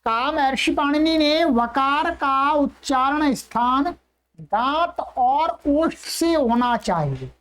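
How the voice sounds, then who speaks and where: A woman teaching an online class, patiently repeating each sound slowly for her learners. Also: high voice, expressive, fairly bright tone. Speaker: Sanskrit teacher.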